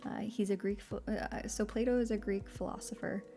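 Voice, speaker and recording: A woman's mellow, warm voice with a morning sleepiness to it. She chats easily and laughs often. Faint music plays behind her. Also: mid-range voice, a little fast. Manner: relaxed, chatty, laughs often. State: morning voice, still waking up. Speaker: streamer reading aloud. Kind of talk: soft live-stream reading and chat.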